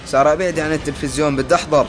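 A man's voice: fairly high pitch, fairly even intonation, rapid-fire, over music, natural voice. A man playing a hot-tempered young man. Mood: irritable, defensive. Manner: snapping, defensive retorts. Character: young man, irritable and angry all the time.

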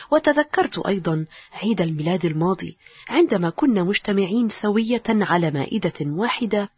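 A woman's voice: fairly low pitch, slightly rough, no echo. A woman voicing a male soldier home from the trenches, recounting his story in the first person, on a dull lo-fi recording.

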